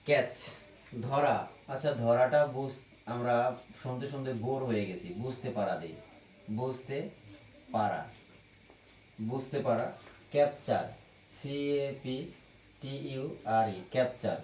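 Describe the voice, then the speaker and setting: A male teacher giving a slow vocabulary lesson, spelling out each word letter by letter and repeating it patiently for his students. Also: medium pitch, darkish tone. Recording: echoey room, faint background noise.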